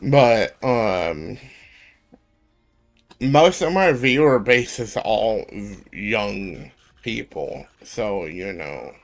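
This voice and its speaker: A man in his twenties talks slowly through a casual live stream, drifting between thoughts with frequent ums. His voice has a gravelly edge. Faint music plays behind him. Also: lowish voice, expressive. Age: 20s. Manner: rambling, many ums and pauses.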